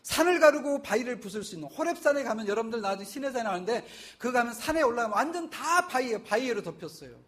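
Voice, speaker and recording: A male pastor delivering a Sunday sermon in a notably high voice. He preaches emphatically, rising to loud peaks and then dropping to soft, trailing phrase endings. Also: expressive. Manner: emphatic, swinging between loud surges and soft, drawn-out endings.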